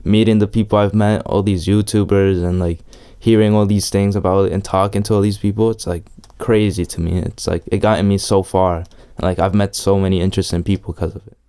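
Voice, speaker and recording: Speaking a little fast with a flat delivery, the man has a low, mellow, clean voice. Originally from El Salvador and a longtime New Yorker, the young BMX amateur answers interview questions casually, loose and slangy, often hedging.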